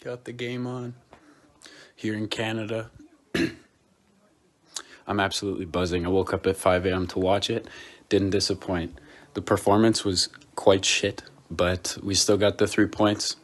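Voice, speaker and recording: A man's voice: deep voice, flat delivery, normal speed. A man giving a casual self-recorded reaction as a football fan.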